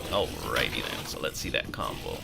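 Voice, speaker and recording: A middle-aged Salvadoran YouTube host runs a casual livestream Q&A, rambling chattily and often restarting his words. His very deep voice has a sing-song lilt and vocal fry at a normal pace, buried in heavy background noise with music playing.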